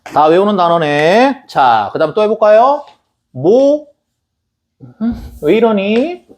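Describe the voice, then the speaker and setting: Here a high-voiced man speaks slowly while teaching English vocabulary on a lecture recording made by camera. He's talkative and animated, breaking words into syllables and slipping in jokes for his students.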